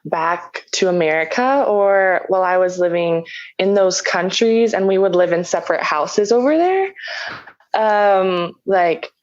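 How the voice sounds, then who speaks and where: A woman's voice: medium pitch, animated. Young woman guest, hesitant, lots of ums, muffled lo-fi sound. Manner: hesitant, many ums, slow and thoughtful. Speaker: podcast guest. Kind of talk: casual interview.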